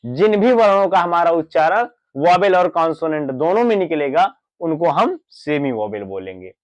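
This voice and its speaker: A man's voice: fairly high pitch, very animated, normal speed, no echo, highs cut off. Man teaching grammar, fond of rhetorical questions. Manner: repetitive rhetorical questions, answers himself; says "thik hai" often. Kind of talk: classroom explanation.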